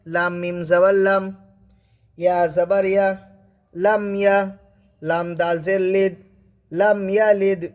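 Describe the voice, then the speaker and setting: A male teacher giving a Quran reading lesson, who spells out the letters and recites the verses slowly, asking and then answering his own questions. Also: on the high side.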